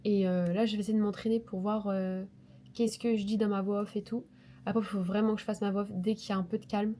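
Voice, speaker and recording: Talking fast in a level, dark, mid-range voice, a woman vlogger rambles casually despite a cold that makes her sound nasal. She throws in self-deprecating asides, and the audio comes from a lapel mic connected to a phone.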